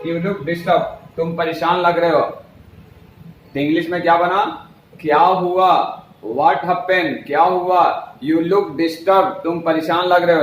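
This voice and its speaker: A man teaching an English lesson in a fairly high voice. He goes over each sentence slowly and more than once, moving between Hindi and English. The room is echoey, with a faint hum of noise behind him.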